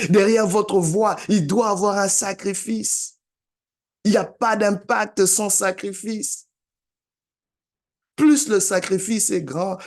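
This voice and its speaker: A man giving a motivational sermon-style talk in an emphatic, repetitive preaching cadence. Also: sits high. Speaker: motivational speaker.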